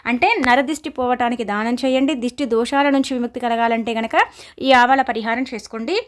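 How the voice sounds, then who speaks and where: A woman astrologer giving a horoscope forecast in a steady, advice-giving way, with frequent verbal fillers. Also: on the high side, fast talker.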